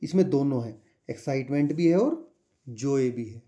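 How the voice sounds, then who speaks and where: Dark-voiced Indian man tutoring. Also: medium pitch, animated, normal speed. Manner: patient, repeats questions to the class. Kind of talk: explaining a school chapter.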